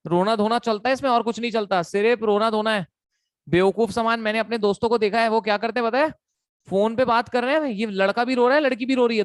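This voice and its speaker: A man's voice: high voice, smooth, dry recording. A young man giving an online lecture, playful and teasing, repeating himself often. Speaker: teacher.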